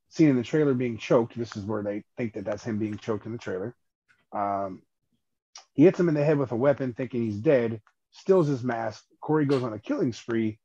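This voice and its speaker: A man co-hosts a horror podcast, chatting casually about horror movies, stammering into frequent restarts and swearing offhandedly. His mid-range voice is darkish with a breathy edge. The sound is lo-fi.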